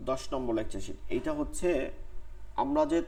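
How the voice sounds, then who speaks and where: A man's voice: mid-range voice, fairly quick, dark tone. A man teaching Quran recitation in an online class, drilling letter sounds syllable by syllable.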